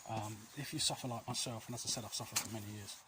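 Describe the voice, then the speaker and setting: A vlog host races along in a fairly low, steady voice as he walks through alleys outdoors. He gives viewers earnest, reassuring advice in a casual, rambling manner, often losing the thread, against clear outdoor ambient noise.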